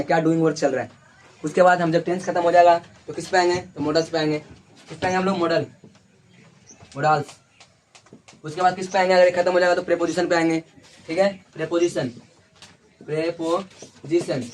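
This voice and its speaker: A male teacher runs a lesson at the board, talking quickly in a fairly high voice. He repeats key words and keeps checking that students follow. Faint ambient noise and birdsong sit under the classroom recording. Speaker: English teacher.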